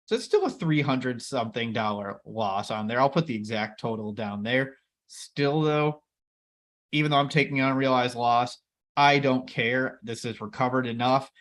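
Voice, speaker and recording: A man's voice: mid-range voice, fairly bright tone. A man in his thirties co-hosting an investing chat, upbeat and joking as he rambles. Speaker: co-host of a dividend investing channel. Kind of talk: casual chat.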